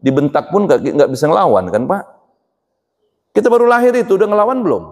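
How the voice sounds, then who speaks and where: Lively preacher in an echoing mosque. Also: male voice, high-pitched, fast talker. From Indonesia. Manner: lively, asks the congregation questions. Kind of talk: sermon. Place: mosque hall. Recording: long hall reverb.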